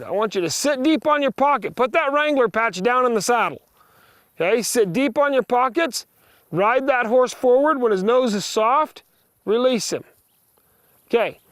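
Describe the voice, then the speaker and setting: High-pitched male riding instructor calling brisk commands. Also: no echo. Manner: short directives mixed with plain practical explanation. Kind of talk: hands-on riding lesson, instructing a student.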